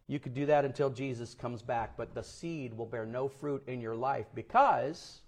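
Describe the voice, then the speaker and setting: A pastor from Florida preaching a sermon to a church, his voice climbing loud and high, then falling low and quiet for emphasis. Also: normal speed, very noisy.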